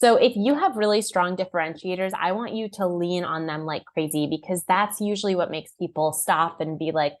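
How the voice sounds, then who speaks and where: A woman's voice: on the low side, brisk, hardly any pauses. Upbeat woman teaching marketing, casual. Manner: upbeat and conversational, heavy use of "like"; acts out clients' and buyers' lines in a raised voice. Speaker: marketing workshop presenter. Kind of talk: online class presentation.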